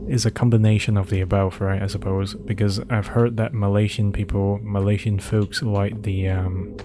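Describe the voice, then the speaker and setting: Game music and background noise sit behind a man whose first language is Cantonese as he casually commentates a horror game. He reads in-game documents aloud, jumps ahead with asides and answers chat, in a lowish, level tone at a moderate pace.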